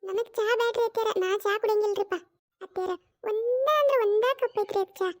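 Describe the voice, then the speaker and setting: A performer doing an insistent young cartoon daughter-in-law with a North Karnataka Kannada accent, her voice pitched extremely high. She coaxes and pleads in quick, pestering runs. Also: a little mellow. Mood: coaxing. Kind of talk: cartoon voice acting.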